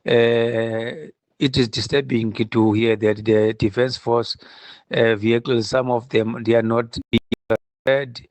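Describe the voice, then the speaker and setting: A man's voice: mid-range voice, little pitch movement, slow pace, darkish tone, dry recording. A man leaving a blunt, complaining voice message for a radio call-in show, played back on air. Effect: played back as a recorded voice message. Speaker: caller.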